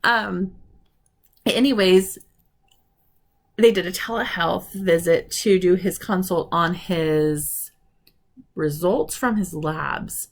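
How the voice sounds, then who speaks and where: Gravelly woman chatting on her vlog. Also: fairly low pitch. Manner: rambling, frank and chatty. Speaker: vlogger. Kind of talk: casual vlog chat.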